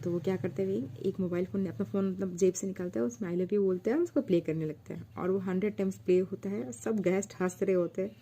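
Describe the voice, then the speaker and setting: Mellow-voiced woman casually retelling a story. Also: mid-range voice, fast, hardly any pauses, a little hiss or hum. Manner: chatty, loose retelling with many fillers. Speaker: storyteller retelling fan fiction.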